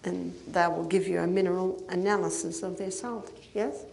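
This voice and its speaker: A woman's voice: on the low side, fairly even intonation, normal speed, vocal fry, darkish tone. An older woman giving a health lecture to an audience, explaining step by step and checking in with listeners. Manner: explanatory, with occasional laughs and checking questions.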